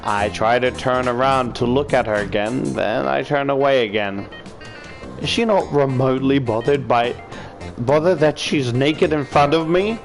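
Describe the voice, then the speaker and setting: With a creaky, mid-range voice at normal speed, an Australian man streams a visual novel, narrating its lines and chiming in casually with plenty of swearing. Music plays in the background of the recording.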